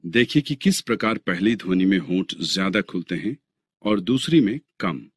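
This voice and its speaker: A man narrating an animated lesson as a teacher, slowly and deliberately explaining and spelling out sounds. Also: on the low side, slightly rough, no room sound, clean studio sound. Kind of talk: scripted narration.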